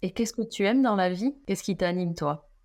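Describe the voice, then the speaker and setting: A woman's voice: mid-range voice, normal speed, a little mellow. A woman hosting a podcast, asking long, rambling questions with frequent hesitations. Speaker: podcast host. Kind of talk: conversational interview questions.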